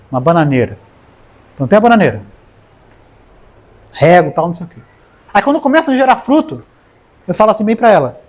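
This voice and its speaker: Animated husky-voiced Brazilian preacher man. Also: high-pitched. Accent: Brazilian Portuguese. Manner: animated, talks straight to the congregation by name. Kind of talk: sermon.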